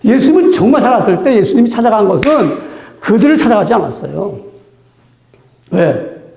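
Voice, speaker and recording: A man's voice: high voice, very animated, fairly quick, creaky, a little mellow, a little hiss or hum. A male pastor giving a conversational sermon, asking rhetorical questions and acting out quotes. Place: church sanctuary. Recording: echoey church room.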